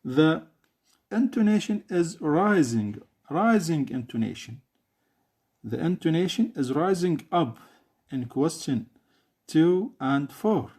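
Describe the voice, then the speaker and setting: A man's voice: a little high, lively intonation, slow, darkish tone, breathy edge. A man teaching an English lesson in a Saudi Arabic accent, an Arabic speaker who hesitates with many fillers and repeats each phrase.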